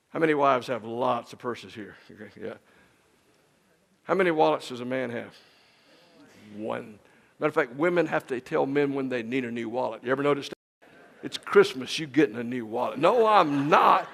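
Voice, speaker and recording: Gravelly middle-aged preacher guy in a church, acting out his stories. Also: medium pitch. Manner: animated storyteller who acts out dialogue. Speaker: guest preacher. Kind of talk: sermon. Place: church sanctuary.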